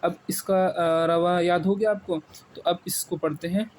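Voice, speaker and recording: Man slowly spelling out sounds. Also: high-pitched, fairly even intonation, a little mellow, a little hiss or hum. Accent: Pakistani Urdu. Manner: repeats sounds slowly, drawn-out syllables, frequent "theek hai". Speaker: Quran reading teacher. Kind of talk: spelling-out recitation lesson.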